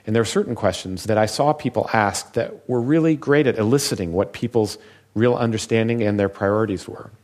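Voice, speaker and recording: A man, a physician, giving a public talk in a measured, reflective storytelling manner. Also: fairly low pitch, darkish tone.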